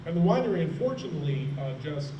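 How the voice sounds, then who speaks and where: A man's voice: on the high side, sing-song, quick pace, dull audio. A middle-aged man, a horror host, chatting and telling anecdotes on a convention panel. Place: large room at a convention, panel. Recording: roomy, distant, noisy convention hall recording.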